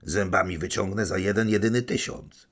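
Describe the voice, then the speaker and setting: A man's voice: deep voice, normal speed, a bit bright, pitched above the performer's own voice. A man doing a roaring, jeering buffoon. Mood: sly. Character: spiteful, jeering man, hot-tempered buffoon.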